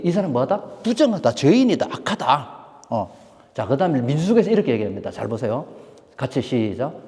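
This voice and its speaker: A man preaching a sermon to a church congregation, animated and full of questions put to the listeners. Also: medium pitch. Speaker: pastor. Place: church sanctuary. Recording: long hall reverb.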